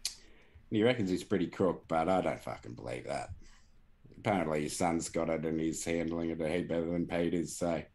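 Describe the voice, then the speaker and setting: A man's voice: rumbling low, a little fast, creaky, darkish tone. A man hosting a podcast in casual chat, swearing and laughing through banter. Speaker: podcast host.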